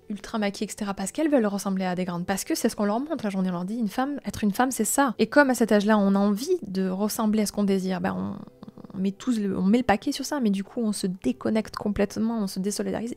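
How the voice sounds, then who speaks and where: A woman in her late twenties hosting a live-streamed self-help talk, speaking softly and gently, sometimes dropping to a near-whisper, with many reflective hesitations. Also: medium pitch, creaky. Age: late 20s. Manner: soft and gentle, drops into a near-whisper at times.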